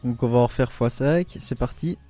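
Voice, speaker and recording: A man giving casual commentary on his game pulls, excitable and groaning aloud whenever the luck turns against him. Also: mid-range voice, normal speed, faint music behind. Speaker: gaming YouTuber.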